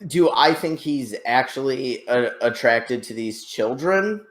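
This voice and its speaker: A man's voice: medium pitch, animated, slow pace, fairly bright tone. A man hosting a casual online debate, explaining things in a hesitant, hedging way over a computer microphone on a voice call. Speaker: show host.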